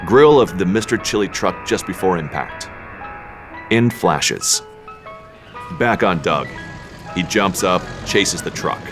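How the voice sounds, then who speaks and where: A man reading the stage directions in a table read, dry and unhurried. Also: deep voice, animated, music in the background.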